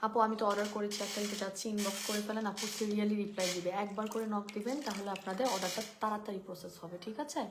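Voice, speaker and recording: A woman's voice: medium pitch, steady tone, racing, hardly any pauses, noisy background. A young woman hosting a live shopping stream on her phone, chatting through skincare prices and answering viewers. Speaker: online skincare seller.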